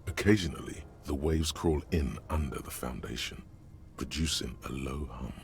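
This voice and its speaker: An actor voicing a brooding, solemn narrator in a video game, speaking slowly and gravely. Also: male voice, extremely low pitch, slight background noise. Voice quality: gravelly, slow and measured.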